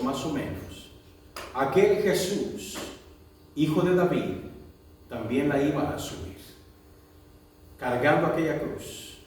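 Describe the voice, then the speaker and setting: A man preaching a sermon, swinging between loud drawn-out proclamation and low quick asides. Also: slight background noise. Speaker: pastor. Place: church. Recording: echoey church hall, mic at a distance.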